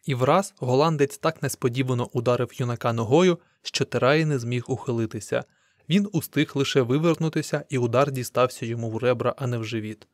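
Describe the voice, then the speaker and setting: This is scripted audiobook narration by a man with a mid-range voice, delivered at an even, measured pace. The sound is clean studio audio without any echo.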